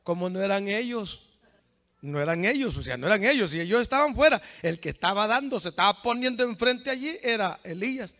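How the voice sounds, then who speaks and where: Fiery high-voiced preacher. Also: male voice, expressive, a little fast. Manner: fervent, swings from hushed to shouting; addresses congregation with questions. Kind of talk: sermon.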